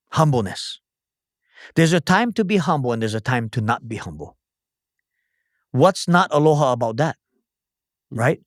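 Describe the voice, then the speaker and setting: A man's voice: a little high, no echo, studio quality. A man in his forties from Hawaii with a Hawaiian Pidgin-tinged accent, speaking as a guest in a casual podcast conversation in a blunt, emphatic, profane way. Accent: Hawaiian Pidgin-tinged English. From Oahu, Hawaii. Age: 40s. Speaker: guest chef and entrepreneur.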